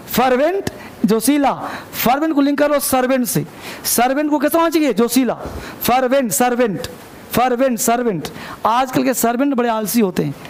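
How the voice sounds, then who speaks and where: High-pitched gravelly male teacher. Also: a little hiss or hum. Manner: repetitive, drills words with memory links. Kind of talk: vocabulary lecture with memory tricks.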